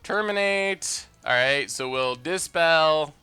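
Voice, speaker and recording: This man's voice is on the high side and expressive, slow, with a sharp yet clear, resonant tone. He streams a card game, narrating his moves and chatting upbeat with viewers by reading and answering their messages. No room sound, faint music underneath.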